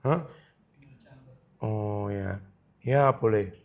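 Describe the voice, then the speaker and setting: Gravelly-voiced male pastor preaching. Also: fairly low pitch, very slow, darkish tone, soft background music. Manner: conversational preaching, asks the congregation questions. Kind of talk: sermon.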